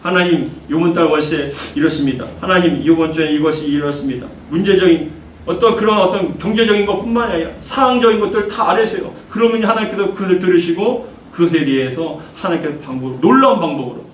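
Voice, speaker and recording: Fervent high-voiced male pastor preaching. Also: fast talker. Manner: fervent preaching, repeating phrases, leading congregation in reading. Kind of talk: sermon. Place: church sanctuary. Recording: echoey church hall, distant mic, faint noise.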